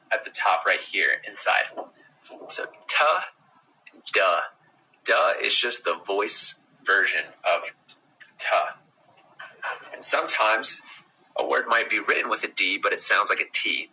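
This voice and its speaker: A man with an American accent giving a relaxed pronunciation lesson, repeating words slowly and drawing out each sound. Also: on the low side, a little hiss or hum, rough recording. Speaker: pronunciation teacher.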